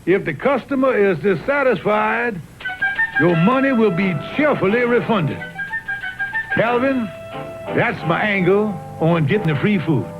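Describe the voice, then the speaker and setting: A man's voice: high voice, expressive, a little slow. A man voicing a pompous, sputtering, scheming old colonel in a cartoon, with a Southern US accent and blustering delivery. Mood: cocky, scheming. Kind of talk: 1960s TV cartoon comedy acting. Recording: muffled vintage TV soundtrack with music.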